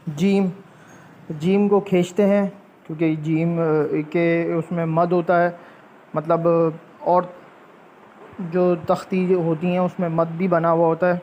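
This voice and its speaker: A male Quran teacher explains tajweed at a very slow, patient pace, stretching out letter sounds as he demonstrates them. His voice sits a little high for a man but stays quite flat in pitch. Faint background noise runs under the recording. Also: muffled recording.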